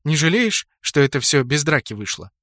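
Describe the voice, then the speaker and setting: A woman's voice: deep voice, big pitch swings, normal speed, a bit bright, no room sound, clean studio sound. A male audiobook narrator voicing a shrewd young woman gamer who speaks in a wry, probing way. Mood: curious, wry. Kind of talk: audiobook character voice.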